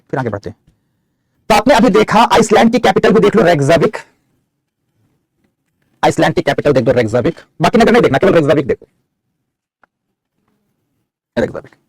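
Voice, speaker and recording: Teaching geography online over a map, a middle-aged man speaks quickly in a husky, fairly high, slightly raised voice. He addresses students as "beta," takes their questions and dictates note headings. The recording is close and dry, without room sound.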